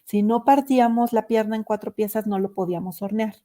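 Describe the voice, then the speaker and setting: A woman voicing an elderly great-grandmother who calmly explains an old family habit in a told anecdote. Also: medium pitch, a little fast, close to an everyday voice. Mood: explaining.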